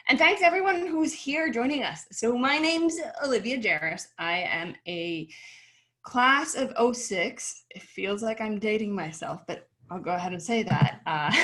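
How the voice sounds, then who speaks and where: A woman's voice: fairly high pitch, a bit bright. Upbeat chatty woman from Chile. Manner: upbeat, chatty, laughs easily, some slow emphatic stretches. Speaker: panelist, company founder. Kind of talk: casual video-call panel talk.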